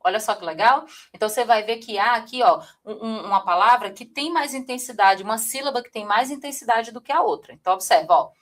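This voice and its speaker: A woman's voice: a little high, fast, few pauses. A woman from Brazil teaching a live online writing class, talking straight to her viewers and often checking in with them. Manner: lively, addresses viewers directly, frequent "tá?" check-ins.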